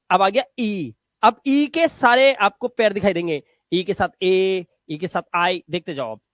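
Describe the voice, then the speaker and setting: A man's voice: sits high, no room sound. A man teaching English pronunciation to students, repeating words one by one and checking in after each point. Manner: repeats words slowly, drills with frequent "theek hai?". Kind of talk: classroom lesson explaining to students.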